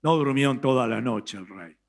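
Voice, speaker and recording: A man with an Argentine Spanish accent, preaching a sermon as pastor and retelling a scripture story with emphatic, dramatic pauses. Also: mid-range voice, vocal fry. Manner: reads scripture aloud slowly.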